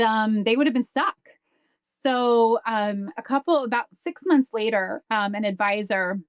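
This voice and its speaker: A woman's voice: a little high, dry recording. A woman telling a personal story as a podcast guest, earnest, with many fillers and restarts. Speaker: guest, insurance business development director. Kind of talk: conversational storytelling.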